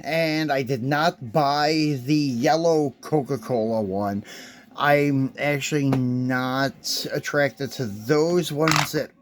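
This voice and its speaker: A man with a somewhat high-pitched voice talks through an unboxing of collectible model trucks. His delivery is loose and chatty, full of fillers and little asides. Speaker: die-cast collector reviewing toys. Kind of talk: casual unboxing review.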